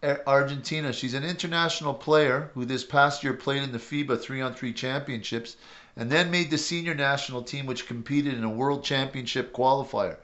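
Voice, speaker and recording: A man, a basketball coach, hosting an interview show and introducing his players in a measured way. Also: mid-range voice, a bit bright.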